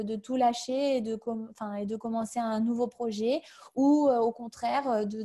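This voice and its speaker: A woman's voice: on the high side, mellow. Hesitant woman on a video call. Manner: hesitant, many fillers and restarts. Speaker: webinar guest sharing her career change. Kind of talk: casual webinar answers.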